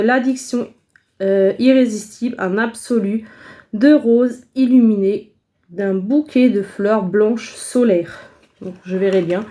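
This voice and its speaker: Young woman from Alsace, haul vlogger: chatty, rambling, friendly, warm mellow tone, mid pitch. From Alsace, France. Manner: rambling, many fillers and repetitions; friendly, enthusiastic. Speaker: beauty vlogger. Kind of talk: casual haul vlog.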